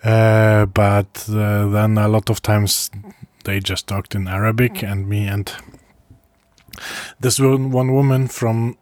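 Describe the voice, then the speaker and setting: A man telling a casual travel diary at a slow, unhurried pace, his voice sitting on the low side. He halts often, restarting phrases and slipping in soft chuckles. The sound is close and dry, with no room around it. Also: little pitch movement, no room sound. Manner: halting, with frequent pauses and restarts. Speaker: traveler recording a video diary.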